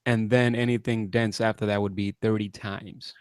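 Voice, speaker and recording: A man on a casual podcast, answering calmly and matter-of-factly with dry humor. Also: on the low side, moderate pace, clean tone, dry recording. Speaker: podcast co-host. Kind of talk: casual chat.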